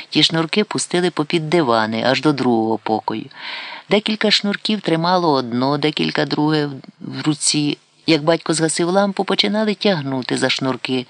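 A man's voice: fairly high pitch, fairly bright tone, no echo. A man voicing a trembling, sorrowful countess. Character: grieving older noblewoman, a countess, reserved and sad. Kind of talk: audiobook character reading.

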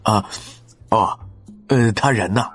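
A man's voice: on the low side, takes it slowly, fairly bright tone, faint music behind. A man voicing a wily, theatrical male subordinate officer in an audiobook, speaking eagerly. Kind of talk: audiobook character voice.

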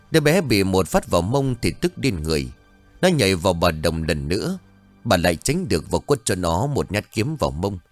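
A man narrating a scripted horror story in an expressive, dramatic way. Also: fairly low pitch, no echo.

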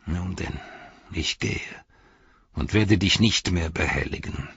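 A man's voice: deep voice, gravelly, fairly bright tone, husky, no echo, exaggerated voice. A man doing a sneering old wizard. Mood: bitter. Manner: mocking, drawn-out, taunting. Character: sneering old male wizard, cruel and spiteful. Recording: dry, slightly dull studio read.

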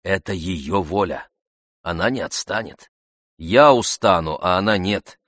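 Man playing a steady, persuasive friend, calm and coaxing, low unhurried voice. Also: no room sound, clean studio sound. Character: steady, warm-hearted male friend, persuasive.

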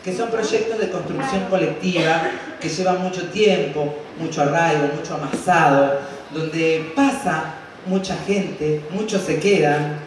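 A man with an Argentine accent giving an unscripted, colloquial acceptance speech as an award recipient. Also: high-pitched. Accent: Argentine, from Santa Fe province. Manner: colloquial, fond diminutives, checking in with '¿no?'. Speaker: award recipient from a community library. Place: large hall at an award ceremony. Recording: very echoey hall, distant mic, faint noise.

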